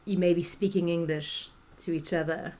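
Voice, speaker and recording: A middle-aged South African woman, appearing as a guest coach in a podcast interview, speaks in a fairly low, warm voice at a normal speed with fairly even intonation. She talks freely, restarting often and using plenty of fillers.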